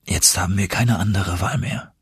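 A man's voice: low-pitched, moderate pace, slightly rough, no room sound, studio quality, heavily acted. A man voicing an exhausted young nephew on an expedition, pleading and earnest, in an audiobook reading. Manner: pleading, stammering.

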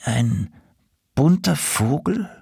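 Man reads as a worried male crow, quiet and halting. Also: fairly low pitch, animated, gravelly, slightly rough, no room sound, studio quality, heavily acted. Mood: uneasy. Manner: soft, uneasy, hesitant. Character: anxious male hooded crow.

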